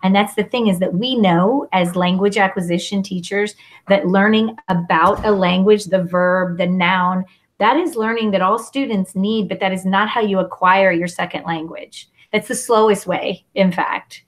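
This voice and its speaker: A woman hosting a panel discussion, giving shout-outs and thinking aloud with many fillers. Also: medium pitch, normal speed. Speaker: panel host. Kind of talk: moderating a panel.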